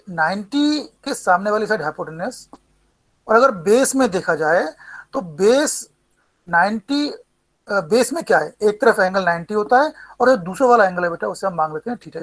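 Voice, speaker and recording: A male math teacher running a class, mixing Hindi and English, calling on students by name and slowly repeating each formula for them to memorize. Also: high voice, fairly bright tone, poor audio.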